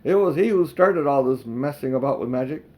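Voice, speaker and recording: A man voicing a brisk, firm young girl in a children's storybook, cool and indignant. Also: medium pitch, animated, dark tone, close to an everyday voice. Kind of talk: children's storybook read aloud.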